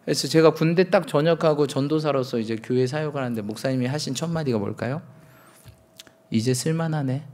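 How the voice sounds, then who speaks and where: A man's voice: fairly high pitch, quick pace, few pauses, darkish tone. A man in his thirties, a pastor preaching a sermon, telling candid self-mocking stories and acting out quotes.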